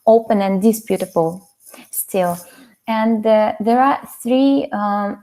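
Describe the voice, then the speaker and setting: A woman's voice: medium pitch, gravelly, a little mellow. A young woman from Kazakhstan gives an academic webinar presentation over a video call, earnest and full of fillers and restarts. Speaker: doctoral student presenter.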